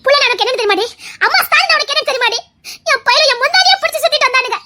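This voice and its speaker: A fierce middle-aged village mother, voiced by a woman, shrill and very high, snapping out scolding and curses in a keen, bright tone. She is fiercely protective of her children, and her voice rises and cracks with emotion throughout this audio drama. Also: animated, racing, full character voice. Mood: furious. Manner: scolding, shouting, cursing, sobbing. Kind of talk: Tamil audio drama acting.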